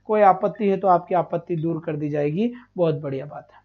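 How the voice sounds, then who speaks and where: This male teacher's online exam-prep class has him asking questions, answering them, repeating every point and praising students as his children. His voice runs on the high side and a little fast, and the audio is dull.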